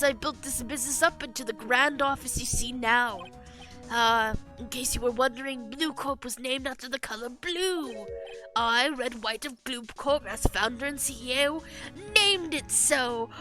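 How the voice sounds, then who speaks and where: A woman voicing a pompous, flamboyant male company boss who drawls slowly and grandly and mangles big words. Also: sits high, pushed and bright, soft background music, pitched above the performer's own voice. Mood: grandiose.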